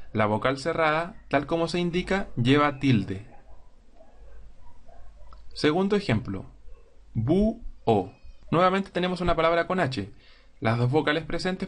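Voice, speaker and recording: A man teaching a grammar lesson, explaining slowly and clearly and sounding out words syllable by syllable. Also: on the high side.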